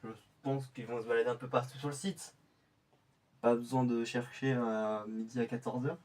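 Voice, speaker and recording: A man in a scripted monologue plays an undercover infiltrator, muttering his cover plans to himself in a pensive mood. His natural, mid-range voice has a darkish tone and a flat delivery at normal speed. The recording sounds distant.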